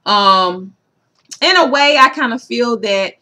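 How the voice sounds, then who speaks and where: A woman's voice: a little high, expressive, slow, sharp tone. A woman in a casual vlog, recapping a reality show episode for her viewers and saying "you know" constantly. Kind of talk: casual chat to camera.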